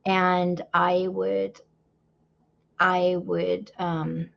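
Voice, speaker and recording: A woman's voice: fairly low pitch, flat delivery, drawn-out words, vocal fry, muffled recording. A woman guest telling her faith story in a candid, rambling way, with many fillers and laughs. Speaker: podcast guest. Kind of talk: faith testimony conversation.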